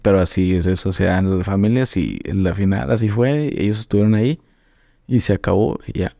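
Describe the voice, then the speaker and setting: A young adult man with a northern Mexican accent, a podcast guest telling stories in a relaxed, slangy way and laughing often. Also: low-pitched, brisk, vocal fry, no echo, studio quality. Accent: northern Mexican (Monterrey). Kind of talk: casual chat.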